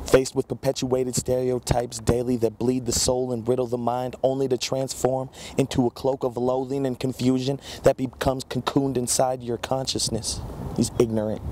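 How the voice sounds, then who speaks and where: A man in his thirties reads a spoken word poem aloud outdoors, his delivery steady and measured with very little rise and fall in pitch. He stands on an open plaza, and a faint hum of street traffic sits behind his voice. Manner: steady, measured recitation read from paper. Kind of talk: spoken word poetry reading.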